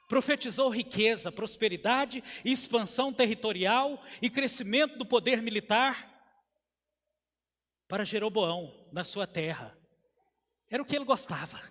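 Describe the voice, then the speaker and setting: High-voiced Brazilian pastor preaching. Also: male voice, fairly bright tone. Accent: Brazilian Portuguese. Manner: emphatic preaching, swelling and dropping in volume. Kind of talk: sermon. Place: church sanctuary. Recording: long church hall reverb.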